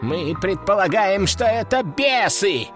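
Picture a frantic, squealing demon servant, high and shrill, his voice leaping about as he blurts out bad news, as a man puts him on. It sounds like an audiobook narration with faint music underneath. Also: lively intonation, slow, a bit bright, full character voice. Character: shrieking panicky male demon assistant, tailed.

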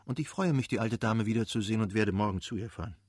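Gracious young noblewoman, gentle lifted tone, dry close audiobook sound , read by a man. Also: lowish voice, quick pace, breathy edge, no room sound. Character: warm young woman, gracious aristocrat.

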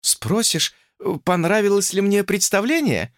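A man's voice: sits high, big pitch swings, measured pace, no room sound, clean studio sound, voice pushed up. A man voicing a teasing, self-assured young woman who speaks in a light, mocking way.

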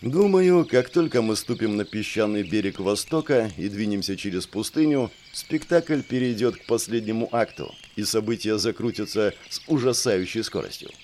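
A man's voice: lowish voice, animated, normal speed, hardly any pauses, a little mellow, a little hiss or hum. A man narrating an audiobook in the first person, with a wry, ironic manner.

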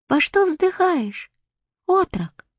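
A woman voicing a haughty young tsarevich boy who speaks slowly in a lofty, old-fashioned way. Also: very high voice, big pitch swings, no room sound, pitched above the performer's own voice, exaggerated voice.

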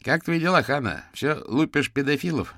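A brash, upbeat male private eye from an audiobook thriller, voiced by a man. He talks breezily in a lifted voice and snaps back fast, with dry, close sound. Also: fairly high pitch, lively intonation, fairly bright tone, no echo, voice pushed up. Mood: brash cheerful. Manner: breezy, snapping back quickly.

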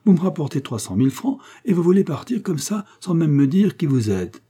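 A man's voice: a little high, big pitch swings, brisk, dark tone, slightly rough, voice pushed up. A man voicing a hearty, good-natured middle-aged banker who was once a sailor. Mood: jovial.

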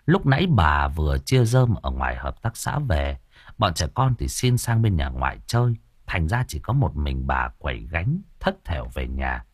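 A man's voice: a bass voice, big pitch swings, normal speed, husky, no echo, studio quality, pitched below the performer's own voice, heavily acted. A man voicing a frightened elderly village wife in an audiobook horror tale, talking in a panicky, pleading way. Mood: shaken.

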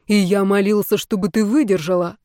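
A woman reading the part of a young male emperor who is smug and controlling, with a calm, measured delivery. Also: mid-range voice, dry recording, studio quality, close to an everyday voice. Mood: cold assured.

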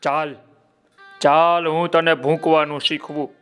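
A man voicing a kind male dog in a children's tale, dropping his voice low and speaking comfortingly. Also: little pitch movement, a little slow, fairly bright tone, clean tone, soft background music. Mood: kindly.

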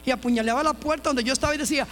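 A woman pastor gives a personal testimony in church, telling her story emphatically, with repeated phrases and restarts. Her high, fairly bright voice races along. A long hall reverb and faint mains hum fill the recording.

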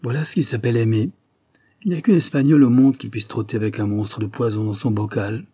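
Man putting on an excitable young soldier, exclaiming, raised pitch, husky storybook voice. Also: fairly quick, natural voice. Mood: awed. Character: brash young male sub-lieutenant, excitable.

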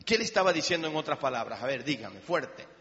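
A man's voice: on the high side, expressive, fast talker, fairly bright tone, a little hiss or hum. A man preaching a sermon as pastor with a Mexican Spanish accent, emphatic and addressing his congregation directly. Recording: reverberant, slightly dull church recording.

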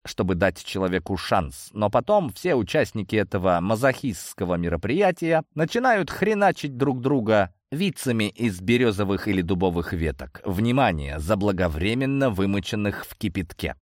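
Low male narrator, wry and lively, dry close sound. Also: moderate pace, few pauses, no echo. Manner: wry, ironic. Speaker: audiobook narrator. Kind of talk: scripted first-person narration.

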